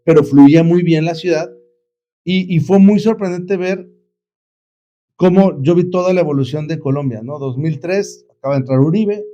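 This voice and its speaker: A man's voice: fairly high pitch, moderate pace, dark tone, muffled recording, slight background noise. A middle-aged man, an entrepreneur guest telling his story in a casual, reflective way, rambling with many fillers and restarts. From Mexico.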